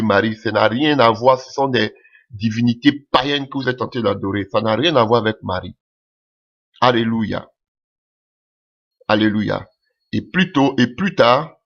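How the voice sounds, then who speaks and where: A man from Ivory Coast preaching a sermon, with halting, repeated phrases and hallelujah said between lines. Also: medium pitch, a bit bright. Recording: dull lo-fi recording.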